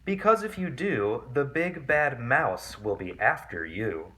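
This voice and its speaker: A man's voice: medium pitch, expressive, slow pace, sharp tone. A man voicing a big, wary monster father telling a warning tale in a children's storybook. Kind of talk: children's picture book read-aloud.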